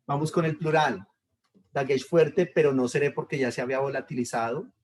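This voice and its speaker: A male teacher walks his class through a lesson step by step. He speaks at an ordinary middle pitch, repeats each point patiently and pauses to check that everyone is following. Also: steady tone.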